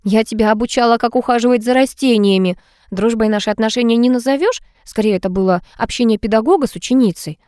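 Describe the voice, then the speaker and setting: A woman voicing a composed, educated older woman who speaks in a measured, lecturing way in an audiobook. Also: on the high side, a little mellow, no echo, clean studio sound, close to an everyday voice.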